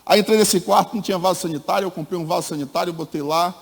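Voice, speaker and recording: A middle-aged man giving a personal testimony at a church meeting. He tells the story in an animated way, acts out the people in it, and calls his listeners "my brother.". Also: high voice, rapid-fire, vocal fry, husky. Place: church hall. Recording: long reverb of a church hall.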